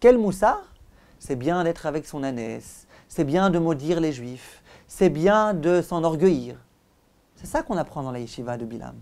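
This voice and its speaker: A rabbi's Torah lesson, delivered at a moderate pace in a fairly high, darkish voice that stays animated. He drives his points home didactically through repeated phrases and direct questions to listeners.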